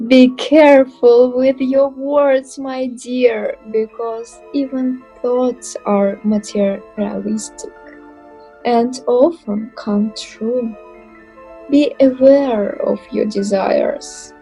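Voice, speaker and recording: A woman playing a mysterious fortune teller who makes slow, solemn pronouncements. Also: a little high, fairly even intonation, mellow, soft background music, rough recording.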